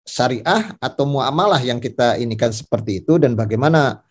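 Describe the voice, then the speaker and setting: Male moderator on a video call, hesitant, filler-heavy questioning, mid-pitched. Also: expressive, moderate pace, breathy edge. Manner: hesitant, many fillers while asking. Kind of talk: online Q&A discussion.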